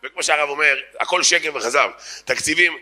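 A man delivering a comedic speech to an audience, animated and mocking, full of rhetorical questions. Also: fairly high pitch, slight background noise.

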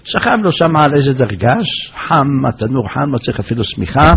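Gravelly man telling a folk tale. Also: mid-range voice, a little hiss or hum. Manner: lively, acts out characters' lines. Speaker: storyteller. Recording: dull lo-fi recording.

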